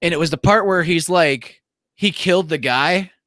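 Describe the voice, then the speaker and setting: A young man with a fairly high voice talks through a movie review in a loose, chatty way, full of "like" and quick asides. The sound is close and dry, with no room around him. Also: no echo. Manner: chatty, many "like" fillers, mimics characters in a loud voice. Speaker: podcast co-host. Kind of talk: casual movie review chat.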